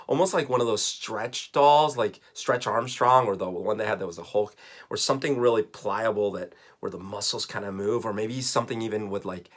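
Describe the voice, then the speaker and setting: A man's voice: on the low side, fairly bright tone. A man in his forties from Colombia, telling a casual, rambling story to camera with self-mocking jokes and frequent laughs. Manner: chatty, self-mocking, laughs often while talking. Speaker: vlogger.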